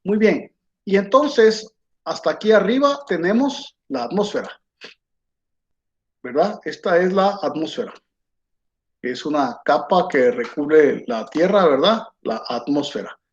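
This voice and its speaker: Slow, patient teacher. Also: male voice, fairly high pitch, lively intonation. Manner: slow, patient, checks with "¿verdad?" after most phrases. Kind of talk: online lecture while drawing on a board. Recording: dull lo-fi sound.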